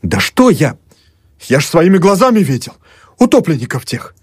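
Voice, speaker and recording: A man voicing a desperate peasant man who yells pleas and boasts out of a window at a hostile crowd, as part of an audiobook reading. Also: sing-song, normal speed, husky, dry recording, studio quality. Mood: insistent. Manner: bellowing, desperate, high-pitched yelling. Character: frantic peasant man shouting at a mob.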